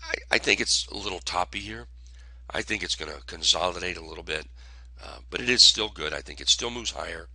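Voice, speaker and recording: Hoarse male host, deep, bright edge, halting casual market commentary. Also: dry recording. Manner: halting, filler-heavy delivery.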